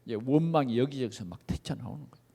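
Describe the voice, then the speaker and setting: A man's voice: mid-range voice, quick pace, vocal fry. A male pastor preaching a sermon in a church, often asking the congregation questions. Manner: animated, asks the congregation questions. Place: church sanctuary. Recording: echoey church hall.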